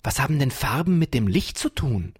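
A man voicing a curious young boy who asks eager, sometimes hesitant questions, his voice raised high and a little husky. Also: very animated, moderate pace.

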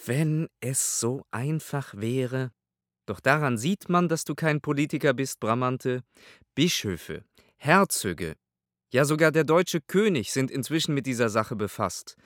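A man voicing an irritable, imperious old pope in an audiobook, speaking pompously and forcefully. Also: mid-range voice, expressive, unhurried, dry recording, studio quality, pitched above the performer's own voice. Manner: pompous, raised and forceful delivery. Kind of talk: audiobook character voice.

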